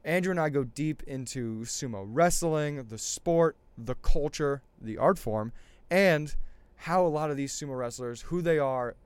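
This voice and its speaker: A man hosts a podcast in a smooth, resonant voice. He talks with energy and rambles a little. His chat with the guest stays casual. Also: on the high side, a little slow, few pauses, dry recording. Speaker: podcast host.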